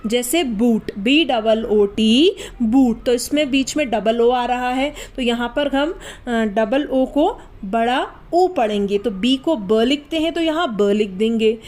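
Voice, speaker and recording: A woman gives an online spoken English lesson at an unhurried pace. Her voice sits high, and she spells out each word slowly, letter by letter, checking that her viewers follow. She explains like a patient teacher. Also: a little mellow. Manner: asks the class if it is clear.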